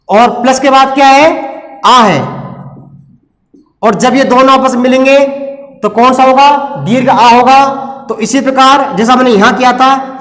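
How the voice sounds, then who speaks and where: A man with a strikingly high voice teaches a lesson at the board. He keeps asking his own questions and answering them, going over each step again. The sound is roomy, with a long echo trailing off the classroom walls. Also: fairly bright tone.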